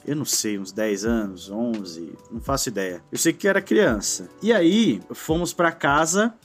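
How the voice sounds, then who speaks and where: A man in his forties with a Brazilian Portuguese accent co-hosts a talk show, sharing a childhood memory in casual, reflective storytelling. He often tacks on a questioning "né" and lets his sentences trail off. His medium-pitched voice has lively intonation and a measured pace over soft background music.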